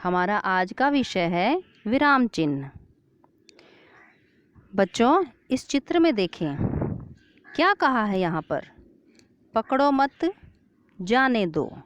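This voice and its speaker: A woman's voice: medium pitch, sing-song. A woman teaching a Hindi grammar lesson to children, asking questions and then answering them herself. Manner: slow, clear classroom explanation. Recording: dull lo-fi sound.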